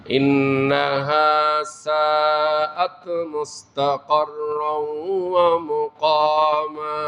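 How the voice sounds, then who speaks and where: A man delivers a deliberate, unhurried sermon, walking through verses one by one. His voice is bright and sits a little high, and he punctuates his points with drawn-out cries of praise. The recording carries the roomy echo of a reverberant space. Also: a little hiss or hum. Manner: exclaims praise often and chants verses slowly. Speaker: preacher. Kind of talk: Bengali sermon explaining Quran verses. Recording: echoey room.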